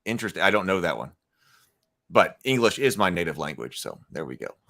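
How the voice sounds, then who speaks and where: A livestream host with a low-pitched voice, very animated and fairly quick, sounds pushed and bright. He thinks aloud on a casual stream, full of restarts and fillers, reading viewers' chat comments out loud and answering them.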